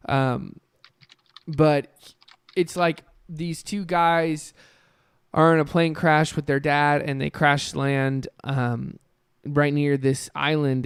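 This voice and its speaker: A man's voice: mid-range voice, clean tone, no room sound, clean studio sound. A young man co-hosting a podcast, chatting casually and rambling with enthusiasm through lots of fillers. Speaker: podcast co-host. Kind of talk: casual chat.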